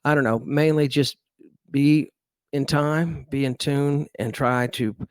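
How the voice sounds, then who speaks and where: Slow, smooth, and steady, with a voice a little on the high side, a middle-aged man from Dallas, Texas chats as a guest musician in a casual interview. His Texan accent comes through as he rambles easily, with fillers and restarts, in a dry recording.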